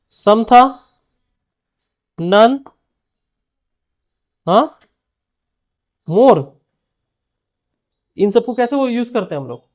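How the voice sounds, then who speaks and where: A man teaching an English grammar lesson to a class in Hindi, often quizzing students by name and checking they understand. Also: extremely high pitch.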